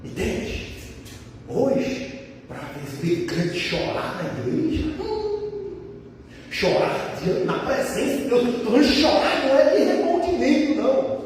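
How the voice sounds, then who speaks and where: A man preaching a sermon with passion, calling his listeners brothers and breaking into high cries when he quotes others. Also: sing-song, slow, a little mellow, slight background noise. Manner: impassioned, rising to high cries when quoting Jesus and the father; addresses listeners as brothers, repeats words. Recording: echoey hall, voice from a distance.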